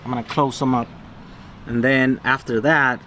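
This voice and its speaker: A man's voice: mid-range voice, fairly even intonation, normal speed, pushed and bright, slight background noise. A man in his thirties, a vlogger, casually explaining a hands-on repair job in his home garage and thinking aloud as he works. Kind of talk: casual DIY vlog.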